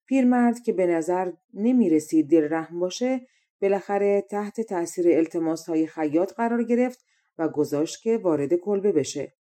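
A young adult woman narrating a fairy tale as an audiobook reader, calm and measured. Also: mid-range voice. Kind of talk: storybook narration.

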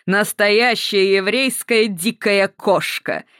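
A cruel male Nazi officer who drags his words out slowly with a sneer, as a narrator puts him on. He barks his orders loudly. The audiobook recording is dry. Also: medium pitch, clean tone, no echo, voice pushed up. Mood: mocking. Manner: slow, sneering, drawn out.

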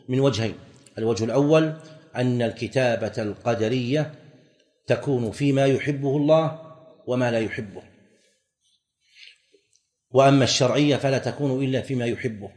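A man teaching a religious lesson, explaining verses in a measured way and repeating his points. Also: mid-range voice, darkish tone. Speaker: Islamic scholar teaching. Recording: recorded lecture with long hall reverb.

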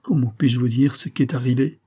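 A man's voice: medium pitch, fairly even intonation, a little fast, mellow, slightly rough, natural voice. A man reading the lines of a distraught young wife in an audiobook, pleading, his voice raised a little. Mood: frantic.

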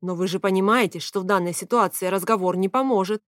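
A man's voice: sits high, quick pace, fairly bright tone, no room sound. A woman reading aloud, voicing a polite, doubtful man who asks worried questions, in a dry close recording.

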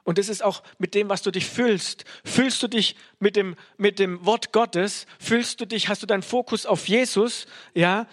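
A male preacher giving a casual, conversational sermon, often checking in with "ja?" and pausing on hesitations. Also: high-pitched, steady tone. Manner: conversational, frequent "ja?" tag questions and hesitations.

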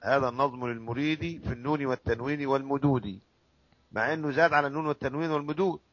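A man's voice: medium pitch, very fast, a bit bright, no echo, low-quality recording. A man with an Egyptian accent, a sheikh explaining a classical recitation text to students, drilling sounds syllable by syllable and quizzing his listeners. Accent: Egyptian Arabic.

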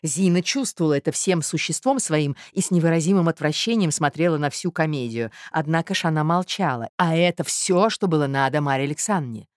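A woman narrating a classic novel as an audiobook in a measured, even reading. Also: sits low, dry recording, clean studio sound. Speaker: audiobook reader.

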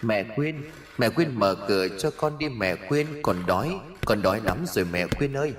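A man doing a hushed vengeful ghost girl. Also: medium pitch, expressive, moderate pace, close to an everyday voice. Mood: pleading. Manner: soft, hushed pleading. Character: vengeful ghost child girl, hungry, clingy.

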